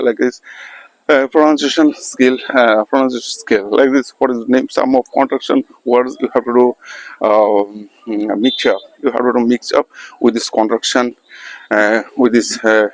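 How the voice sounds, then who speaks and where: In a rough recording, a medium-pitched male English teacher gives an informal spoken pronunciation lesson. He hesitates often, filling gaps with fillers and restarting sentences.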